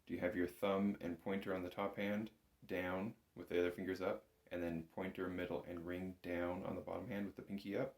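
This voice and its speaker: A bagpipe teacher with a deep, level voice leads a lesson step by step at a fairly quick pace. His manner is relaxed, patient, and encouraging, and the space echoes noticeably.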